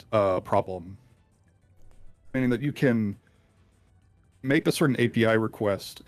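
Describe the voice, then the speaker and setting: Hacker guest, male, voice run through a deep pitch-shifting changer, halting and rambly, dry close sound. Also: no room sound. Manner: hesitant, rambling, many ums and restarts. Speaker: interviewed hacker. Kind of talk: casual call-in interview.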